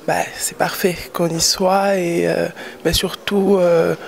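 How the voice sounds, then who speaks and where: A woman's voice: lowish voice, little pitch movement, slow pace, gravelly. Hesitant young Parisian woman. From Paris, France. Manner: hesitant, many fillers and repeated words. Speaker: fashion model interviewee. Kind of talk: casual interview.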